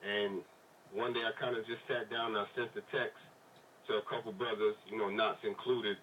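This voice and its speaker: A man's voice: on the low side, flat delivery, normal speed, fairly bright tone, a little hiss or hum. A man calling in to a radio show over the phone, speaking earnestly and reflectively. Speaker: caller, charity co-founder. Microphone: phone line. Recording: distant phone-line voice.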